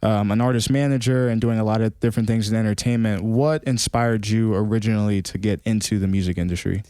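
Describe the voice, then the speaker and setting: A man hosting a podcast, asking questions in a relaxed way with a few fillers. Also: lowish voice, fast talker, clean tone, dry recording, studio quality. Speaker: podcast host. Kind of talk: casual podcast interview.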